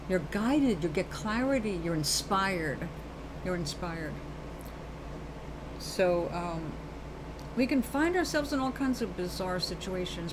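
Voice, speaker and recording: Over background noise, a medium-pitched female voice with a New York accent belongs to a New Yorker hosting a live show. Her talk to viewers is casual and spiritual, earnest and rambling on the subject of spirit, full of endearments like baby and darling.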